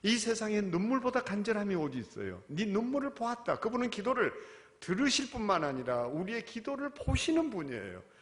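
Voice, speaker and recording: A male pastor preaching a sermon, swinging from quiet, questioning asides to loud, impassioned cries. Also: high-pitched, sing-song, fairly quick. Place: church sanctuary. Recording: long reverb of a church hall.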